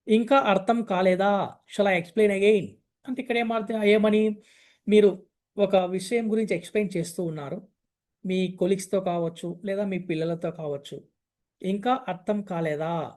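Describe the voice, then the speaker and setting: A man teaching a spoken language lesson. He explains patiently and says each example phrase slowly and clearly, then repeats it. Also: high-pitched, a little mellow. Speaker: English teacher.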